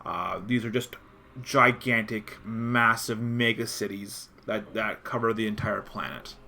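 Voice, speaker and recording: A man narrating a tabletop role-playing session as game master, describing scenes with frequent pauses and fillers. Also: lowish voice, creaky, bright, forceful tone.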